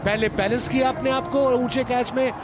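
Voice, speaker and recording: A man speaks in a high voice. He gives analytical cricket commentary, breaking down the play. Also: steady tone, a little fast.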